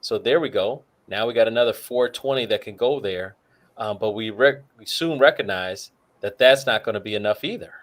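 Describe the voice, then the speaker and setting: Here a male co-host with a lowish voice speaks at normal speed. He's loosely running through retirement numbers on a talk show, thinking the figures out aloud and filling gaps with lots of "you know."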